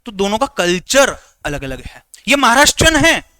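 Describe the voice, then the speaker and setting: A male teacher runs a live online class, teasing his students and repeating what they should write down. His voice sits high and swings widely in pitch. It has a bright edge and is recorded dry and close. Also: normal speed, clear, resonant tone, no room sound. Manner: lively, teasing, repeats instructions.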